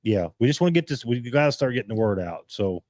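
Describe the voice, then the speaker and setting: A man hosting a casual live-stream chat, rambling and halting as he restarts his sentences. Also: mid-range voice, very animated, darkish tone, no echo, studio quality. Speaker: host.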